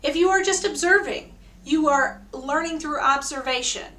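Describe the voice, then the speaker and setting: A woman's voice: high-pitched, normal speed, bright, forceful tone. A woman leading an online choir rehearsal, encouraging singers and teaching a simple round by ear, her voice a little tired. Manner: encouraging, coaching call-and-response, sings demonstrations. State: voice tiring. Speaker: choir director. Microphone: video call.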